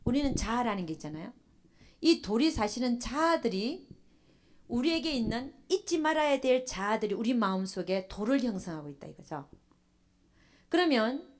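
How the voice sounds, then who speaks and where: Animated woman pastor preaching. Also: a little high. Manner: animated preaching, asks the congregation questions, acts out church members' thoughts. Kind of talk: sermon.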